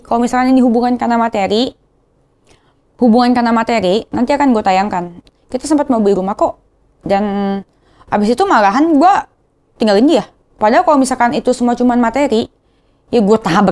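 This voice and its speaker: A woman's voice: fairly high pitch, darkish tone. A young woman with a Jakarta slang accent, talking in a casual confessional vlog, emotional and rambling, often repeating herself. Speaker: vlogger.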